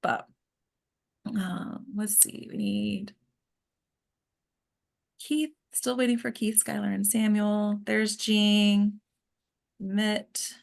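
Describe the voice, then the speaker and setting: Her voice medium-pitched, creaky and level, this table-read host speaks very slowly with frequent pauses. She chats casually as she waits for participants, trailing off to check who has joined the acting session.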